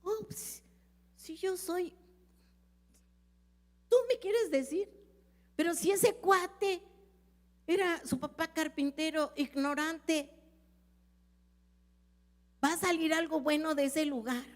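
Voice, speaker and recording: A woman's voice: extremely high pitch, slow, long pauses, pitched above the performer's own voice. A woman putting on the voice of a proud, skeptical man, asking mocking, incredulous questions. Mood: scoffing. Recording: echoey church hall.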